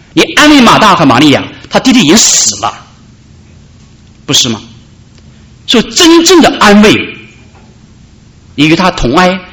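A man preaching a sermon, calling out loudly at high points and dropping soft in between. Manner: preaching with dramatic rises and soft drops. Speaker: pastor.

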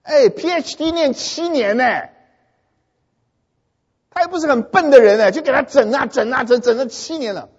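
A man giving a humorous talk to an audience, animated and often stopping to ask whether his listeners have understood. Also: extremely high pitch, normal speed, long pauses, breathy edge. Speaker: speaker addressing an audience. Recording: dull long-reverb hall recording.

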